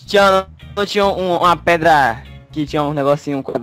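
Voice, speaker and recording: A man talking in casual gaming banter over an online voice chat that glitches and breaks up, excited and swearing loudly. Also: on the high side, a little fast, faint music behind.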